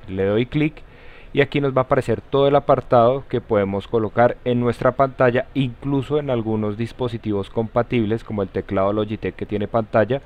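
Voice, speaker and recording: A man with a Colombian accent hosting a step-by-step software tutorial in an informal way, using friendly diminutives. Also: fairly low pitch. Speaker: tutorial host. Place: voice-over for a screen recording. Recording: slightly dull, lo-fi sound.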